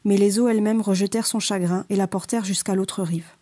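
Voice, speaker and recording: A woman reads a storybook tale in a measured, expressive way. Her voice is mellow and dark, with a husky grain. It suits a calm bedtime telling. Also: mid-range voice. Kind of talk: storybook narration.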